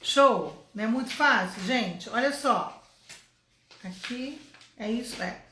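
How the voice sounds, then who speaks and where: A woman's voice: fairly high pitch, expressive, slow, pushed and bright, reverberant, slight background noise. A woman from Brazil teaching a casual online English lesson, explaining step by step and checking in with her listeners often.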